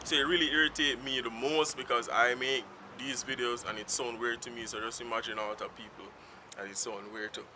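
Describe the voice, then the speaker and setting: A man of medium pitch talks a little fast with fairly even intonation. He's a vlogger with a Jamaican accent whose first language is Patois, rambling freely and unscripted to his self-filmed camera outdoors in a sunny town. Faint street traffic can be heard behind him.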